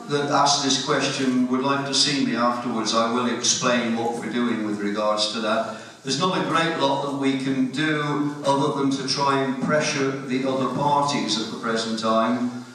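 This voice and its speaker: A man hosting a public meeting and taking questions, speaking plainly with halting fillers. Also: medium pitch, fairly bright tone, slight background noise. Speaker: meeting host. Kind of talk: chairing questions. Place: hotel function room. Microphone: far camera. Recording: echoey hall from far off.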